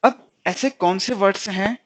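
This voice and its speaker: A male stenography teacher giving a classroom lesson. He explains slowly, repeats sounds and words for the class to drill, keeps checking with "okay?", and says words. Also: sits high.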